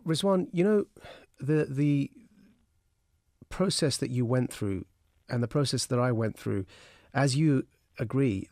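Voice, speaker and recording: A man's voice: mid-range voice, darkish tone, no room sound. A man hosting a radio phone-in, asking the caller earnest questions from a studio microphone. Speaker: radio host.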